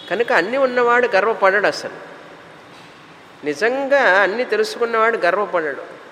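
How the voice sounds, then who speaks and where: Male spiritual teacher, explanatory, lists ideas in runs; fairly high voice, hall reverb. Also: a bit bright, a little hiss or hum. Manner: explanatory, lists terms in runs, mixes English words. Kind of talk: spiritual discourse.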